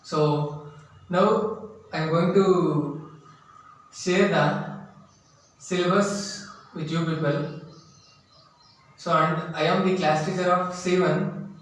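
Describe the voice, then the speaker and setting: Male college lecturer, high-pitched and unhurried, distant mic in a very echoey classroom. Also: fairly even intonation, a bit bright. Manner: deliberate, repeats items for note-taking. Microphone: distant from the speaker. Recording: echoey room, distant mic, faint noise.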